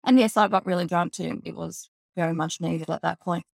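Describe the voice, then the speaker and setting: A woman's voice: lowish voice, steady tone, brisk, vocal fry, dry recording. An Australian woman telling a personal story in an interview, candid and emotional, swearing freely. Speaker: guest.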